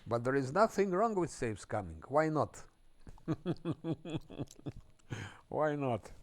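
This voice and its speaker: Slow-talking male streamer chatting casually. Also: mid-range voice, very animated. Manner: unhurried, thinking aloud, chuckles often. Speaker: game streamer. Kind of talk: casual live-stream chat while playing.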